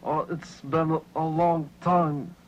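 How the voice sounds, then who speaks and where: A man's voice: on the high side, little pitch movement, slow, lo-fi sound. A man playing a sly, sluggish, cheeky sidekick with wry delivery in a radio comedy sketch. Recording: faintly noisy radio skit recording.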